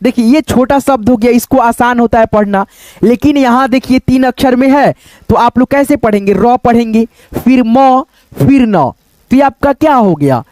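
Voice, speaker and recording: In an online Hindi lesson for beginners, a man with an extremely high, darkish voice sounds out letters and words slowly, syllable by syllable, drawing them out and repeating each word. He keeps calling his viewers friends and checks in with them through tag questions. There is no echo.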